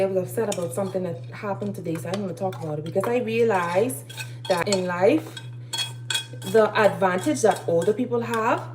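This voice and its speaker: A woman's voice: medium pitch, noisy background. A woman in her thirties giving life advice in a casual live-stream monologue from her kitchen, preachy and urging, repeating her key phrases. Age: 30s. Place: home kitchen while cooking.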